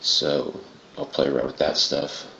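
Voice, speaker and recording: A man with a gravelly, throaty voice, casually narrating a software tutorial in a muffled, roomy home recording. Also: a bass voice, little pitch movement, unhurried, a little hiss or hum. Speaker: tutorial presenter.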